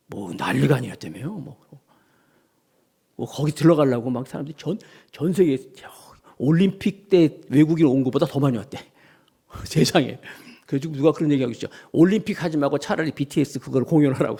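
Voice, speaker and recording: A middle-aged male pastor preaching a Sunday sermon, acting out cries and quotes and putting questions to his congregation. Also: fairly high pitch. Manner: animated, acts out shouts and quotes in the preaching; addresses the congregation directly with questions. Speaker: senior pastor.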